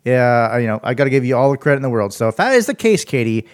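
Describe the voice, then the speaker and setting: A young male podcast host leaves a voicemail, stumbling through "uh" fillers as he goes. His tone is mock-formal and teasing, and his voice sits at an ordinary middle pitch. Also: big pitch swings, fast talker. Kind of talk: leaving a voicemail.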